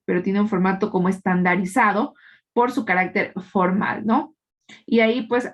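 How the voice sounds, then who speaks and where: A woman teacher giving a live class, explaining patiently and quizzing her students, with frequent tag questions. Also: medium pitch. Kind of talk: live online class lecture.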